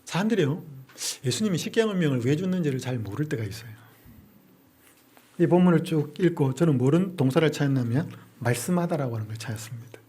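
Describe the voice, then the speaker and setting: Male pastor-lecturer, husky and somewhat high, runs rhetorical question-and-answer drills. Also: animated, fast talker, mellow. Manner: asks and answers his own rhetorical questions. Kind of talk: Bible-study lecture.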